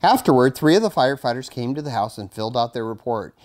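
Reading a kids' storybook and talking with children, this middle-aged fire chief with an American accent speaks in a mid-range, animated, slightly mellow voice at a fast pace. A bit of hiss or hum can be heard, and he sits indoors in a studio-like space with a curtain behind him.

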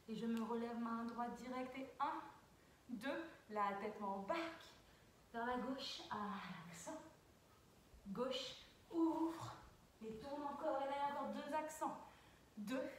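A woman's voice: high-pitched, measured pace, pauses often, slight background noise. A young woman dance teacher talking through a routine step by step, calling counts and sound cues as she moves. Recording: very echoey, far from mic.

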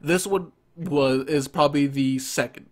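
A young man giving casual, halting reaction commentary, sounding nasal and stuffed up from crying, close to a desk mic. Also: on the high side. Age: young adult. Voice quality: nasal, congested. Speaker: anime reaction video host. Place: small furnished room at home. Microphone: close desk microphone, headphones on.

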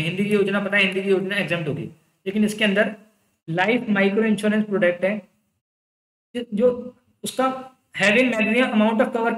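Young male lecturer, high-pitched, chatty and reassuring, echoey room. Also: a bit bright. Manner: chatty, reassuring, explains by intent. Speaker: teacher. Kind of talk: casual online lecture.

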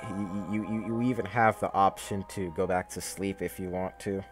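A man's voice: sits low, steady tone, moderate pace, faint music behind. A young man giving casual gameplay commentary in a weary, grumbling way. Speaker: gaming video host. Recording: noisy recording with game gunfire. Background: video game gunfire.

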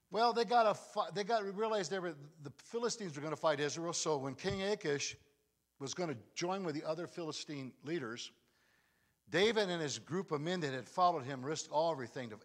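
A man preaching a sermon as a guest pastor, telling a story with dramatic swings from loud to hushed. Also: a little high.

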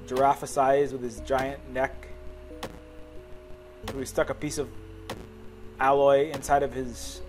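A man giving casual, joking gameplay commentary as a let's play host, thinking aloud as he goes. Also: medium pitch. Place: voice-over on game capture, music behind.

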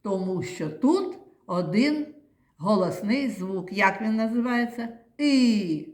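A woman's voice: mid-range voice, expressive, slow pace, darkish tone, roomy sound. A woman teaching a phonics lesson to small children, talking in a patient, sing-song way. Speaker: kindergarten teacher.

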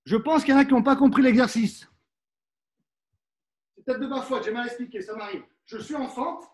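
Speaking briskly with an extremely high pitch, this middle-aged man coaches a fencing workout class live. His tone is instructive and encouraging, with frequent "hein" as he shows moves, and he occasionally steps away from the microphone.

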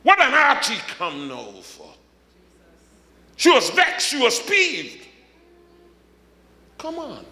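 A man preaching a sermon as a pastor, from the Caribbean, swinging from shouted high points to humorous asides. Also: huge pitch swings, takes it slowly, pauses often, roomy sound, in a large hall.

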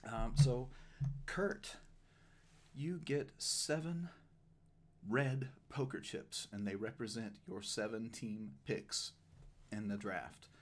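A man hosting his own channel, making a mock-grand, self-mocking announcement in a pompous, drawn-out way. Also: fairly low pitch, steady tone. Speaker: host of a card-break channel.

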